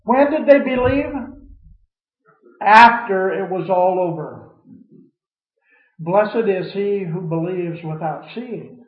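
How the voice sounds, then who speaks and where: A man with a high voice leads a Bible study. He quotes scripture and puts questions to the class in a preacherly way. The recording is dull and echoey, as if taken in a church room. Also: takes it slowly, pauses often.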